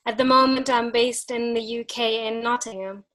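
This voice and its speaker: A woman's voice: on the high side, steady tone, normal speed, fairly bright tone. A young woman from Saudi Arabia, a trainee anesthetist, speaking in an earnest, composed way on a panel. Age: young adult.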